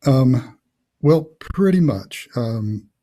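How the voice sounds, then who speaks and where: A man's voice: medium pitch, animated, extremely slow, warm tone. A middle-aged man, an author hosting a casual interview over a video call, thinking aloud with many fillers. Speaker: author and host.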